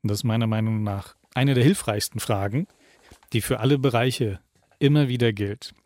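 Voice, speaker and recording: A man giving a reflective self-help talk, calmly putting questions straight to the listener. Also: medium pitch, moderate pace, no room sound, clean studio sound. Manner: calm, addresses the listener directly with questions.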